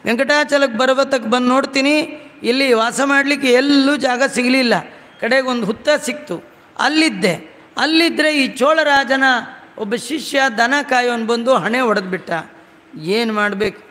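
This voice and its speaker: A preacher voicing a weary, gentle male god who recounts his troubles in a plaintive, homely way. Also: very high voice, moderate pace. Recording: long hall reverb.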